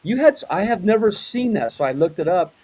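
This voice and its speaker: A man's voice: high voice, sing-song, brisk, a little mellow, breathy edge, low-quality recording. A man hosting a casual interview, rambling a little, often repeating words and restarting his questions. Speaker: host.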